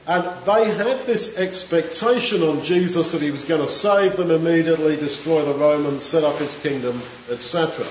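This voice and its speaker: Preacher man, high and echoey. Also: moderate pace, few pauses. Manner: conversational, acts out crowd voices. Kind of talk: sermon. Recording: echoey room, dull sound, faint noise.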